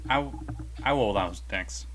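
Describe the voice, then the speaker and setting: A man with a low, bright and forceful voice works as game master at a tabletop game. He narrates casually and playfully, with some rhymes, over clear background noise and clicks. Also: normal speed. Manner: playfully narrates in rhyming couplets.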